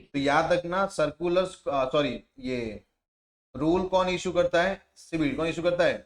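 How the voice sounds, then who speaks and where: Man teaching with repeated quiz questions. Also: measured pace. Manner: quizzes students with repeated questions; switches to a soft, low voice for asides. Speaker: tax teacher. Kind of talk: classroom lecture. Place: classroom. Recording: echoey room.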